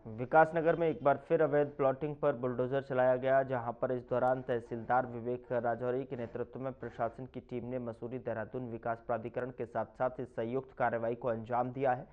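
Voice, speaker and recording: A man's voice: mid-range voice, flat delivery, brisk, few pauses. A man reading regional news reports in a punchy, emphatic voice-over style. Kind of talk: scripted news narration. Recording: slightly muffled lo-fi audio.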